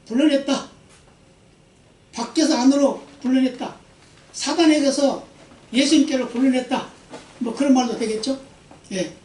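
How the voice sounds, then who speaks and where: A male pastor delivers a Sunday sermon in a high voice and often calls for the congregation's answer. The sound is roomy and echoey. He is heard from some distance, as if the mic sits far across the sanctuary. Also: darkish tone. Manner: emphatic preaching, asking the congregation for responses. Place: church sanctuary. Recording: echoey church hall from a distance.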